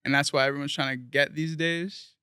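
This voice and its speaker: A man's voice: on the high side, fairly even intonation, a little fast, pushed and bright, clear, resonant tone, no room sound, clean studio sound. A young man from South Florida, a guest musician talking casually in an interview, rambling earnestly with lots of fillers.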